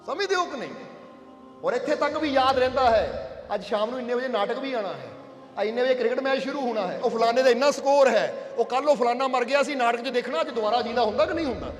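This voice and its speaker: Male preacher, storytelling sermon, checks in with the crowd, echoey room, soft music under. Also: very high voice, fast. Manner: storytelling, asks the listeners if they understand. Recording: echoey hall with faint music.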